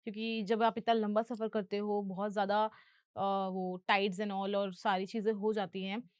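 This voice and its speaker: A woman's voice: medium pitch, level tone, normal speed, a little mellow, clean tone, no echo. A woman English teacher explaining film dialogue in a lesson, patient and going through each term step by step.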